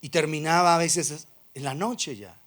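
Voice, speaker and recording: A man's voice: a little high, fairly even intonation, unhurried, a bit bright. A man preaching a sermon as pastor, firing rhetorical questions and acting out imagined excuses. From Colombia.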